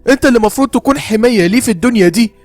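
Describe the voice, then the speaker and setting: A man's voice: very high-pitched, a little mellow, soft background music. A man voicing a long-suffering middle-aged Egyptian mother who is bitter but devoted, speaking with an Egyptian Arabic accent in emotional, pleading bursts. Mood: bitter, indignant. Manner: emotional, pleading, rapid outbursts. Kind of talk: horror story narration.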